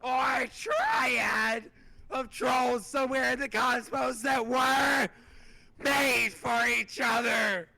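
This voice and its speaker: A man voicing Karkat, a furious young male troll who rants and shouts as he reads a webcomic aloud. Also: very animated, no echo, heavily acted, rough recording. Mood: ranting. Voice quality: gravelly, shrill shouting. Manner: ranting, slow and emphatic. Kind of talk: dramatic reading of a webcomic.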